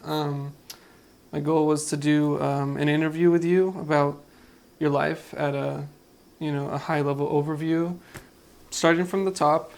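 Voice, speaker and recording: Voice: mid-range voice, little pitch movement, a little slow, vocal fry, a little mellow. Hesitant grandchild asking interview questions.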